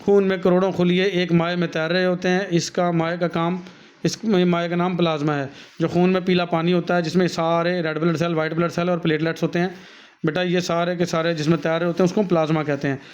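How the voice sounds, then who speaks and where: A man's voice: high voice, flat delivery, brisk, smooth. A male teacher with a Pakistani Urdu accent, reading from a textbook and then explaining each point to his students in his own words. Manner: reads a passage, then explains it warmly to students, calling them "beta". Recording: dull, lo-fi recording.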